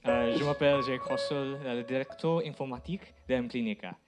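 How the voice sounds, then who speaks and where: A man who is not a native French speaker gives a presentation in halting French with a foreign accent, hesitating often. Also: medium pitch, steady tone, over music. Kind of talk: public presentation.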